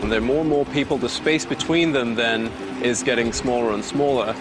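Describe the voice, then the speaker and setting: A man's voice: medium pitch, brisk, noisy background. A man explaining plainly and illustratively as an expert in a documentary interview. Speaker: expert commentator. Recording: music under the voice. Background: music.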